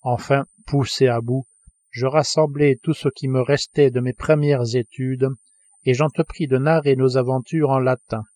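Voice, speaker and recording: A man's voice: mid-range voice, fairly even intonation, normal speed, a little mellow, no room sound. Male audiobook narrator, dry close sound. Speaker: audiobook reader.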